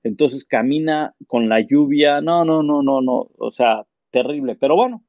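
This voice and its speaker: Animated sportscaster telling anecdotes. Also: male voice, mid-range voice, measured pace, dry recording, phone-quality sound. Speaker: sports commentator guest. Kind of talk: casual interview storytelling.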